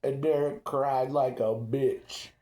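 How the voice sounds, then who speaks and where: A man's voice: mid-range voice, steady tone, slow, warm tone. A man playing in a tabletop game, chatting casually about the session in a blunt, crude, joking way. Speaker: player. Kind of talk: casual chat. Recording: roomy echo.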